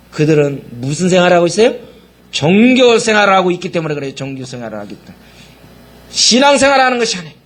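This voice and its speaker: A man's voice: sits high, pushed and bright. A male pastor preaching a sermon, firing rhetorical questions at the congregation and mockingly acting out quoted voices.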